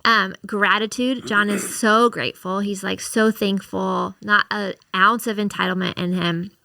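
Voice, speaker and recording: A woman co-hosting a faith podcast, telling a story in an animated, chatty way on a close mic. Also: medium pitch, a little slow, creaky, no room sound. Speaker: podcast co-host.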